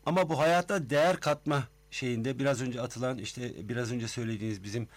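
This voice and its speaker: A man's voice: medium pitch, a little fast. A man co-hosting a radio interview, asking long winding questions politely. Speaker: radio co-host.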